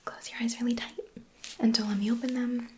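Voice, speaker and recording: A woman doing a whispered role-play as a medical examiner, gently giving step-by-step instructions and reassurance in an ASMR style. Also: a little high, level tone, brisk, noisy background.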